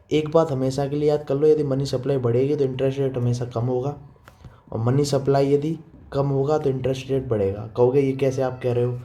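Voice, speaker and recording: Young male teacher, warm low-key tone, brisk informal lecturing that keeps checking students follow. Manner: repetitive, checks understanding with frequent 'theek hai'; quick, informal teaching tone, addresses students as 'beta'. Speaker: economics teacher. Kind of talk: classroom lecture explaining diagrams.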